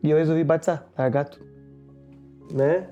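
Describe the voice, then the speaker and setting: A man telling his personal testimony in an interview, halting and searching for words. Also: on the high side, fairly even intonation, warm tone, dull audio, faint music behind. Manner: halting, many fillers and restarts.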